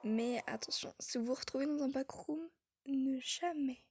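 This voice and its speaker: A high-voiced woman tells an eerie tale to her viewers, mostly whispering in a husky, breathy tone. Her delivery is chatty and self-mocking. The recording is dry and close. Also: normal speed, a little mellow, no room sound. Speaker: youtuber. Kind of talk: casual storytelling.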